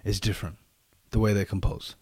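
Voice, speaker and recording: A man's voice: fairly low pitch, level tone, a little fast, a little mellow, husky, no room sound, studio quality. A man talking casually and reflectively, repeating his phrases for emphasis.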